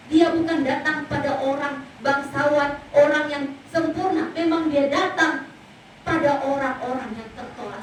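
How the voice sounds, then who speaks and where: High-voiced woman pastor preaching in an echoey hall. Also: slight background noise. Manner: dramatic preaching, acting out quoted people. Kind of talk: Easter sermon. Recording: echoey hall, mic from far off.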